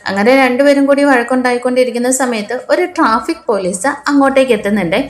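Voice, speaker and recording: A woman's voice: fairly high pitch, fast talker, roomy sound. A woman from Kerala with an Idukki Malayalam accent, chatting her way through a TV serial episode and quoting the characters in her own voice. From Kerala, India. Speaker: serial recap narrator.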